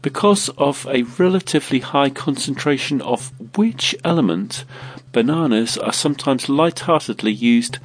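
A man with a croaky voice from a cold, hosting a quiz podcast and reading out scripted questions. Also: mid-range voice, lively intonation, moderate pace. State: has a cold.

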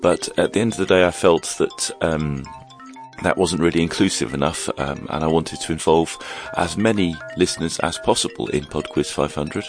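A man with a croaky, froggy voice from a bug, hosting a quiz podcast in a scripted narration style. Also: extremely low pitch, normal speed, soft background music.

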